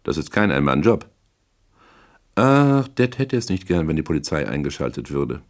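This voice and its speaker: A man reading an audiobook, voicing a haughty, sharp-tongued rich young woman who is quick to flare up. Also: extremely low pitch, expressive. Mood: probing. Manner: cool, mocking, quick to flare up.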